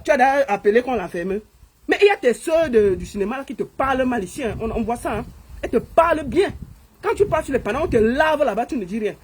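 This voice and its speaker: A Cameroonian woman delivers a casual, scolding commentary with a Cameroonian French accent. Her voice sits high and swings widely as she talks. She repeats herself often and keeps an animated, reproachful manner. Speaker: online commentator. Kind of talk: casual opinion monologue.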